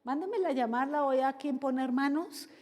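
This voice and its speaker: A woman's voice: high-pitched, fairly quick, a little mellow, lightly acted. A woman preacher voicing a scheming, cynical male king who coaxes and gives orders in a sly, offhand way. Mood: sly, smug. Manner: sly, coaxing, mock-casual. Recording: long reverb of a big hall.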